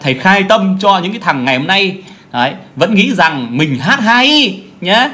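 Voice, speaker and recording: Loud, mocking man ranting. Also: sits high, very animated, moderate pace. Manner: blunt, crude, mocking, keeps asking "right?". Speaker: self-styled teacher ranting to viewers. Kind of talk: profane rant monologue.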